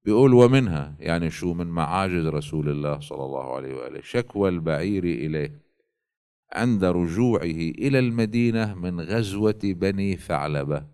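A man giving a religious lecture, reading classical quotations slowly and explaining them in colloquial asides. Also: deep voice, animated, darkish tone, clean tone. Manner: alternates slow quoted readings with colloquial asides.

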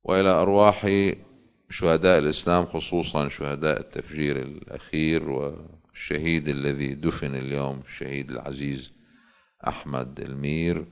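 Low-voiced Levantine Arabic cleric. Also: male voice, fairly even intonation, fairly quick, gravelly, smooth, muffled recording. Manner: explanatory, with rhetorical questions. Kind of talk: religious lesson.

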